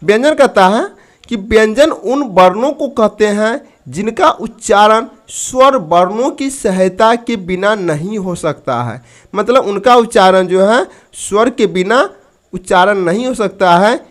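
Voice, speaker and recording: Man, high-pitched, grammar teacher, quizzes students, stretches out key terms. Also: expressive. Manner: asks students questions then answers them; drawls key terms slowly. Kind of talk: grammar lesson.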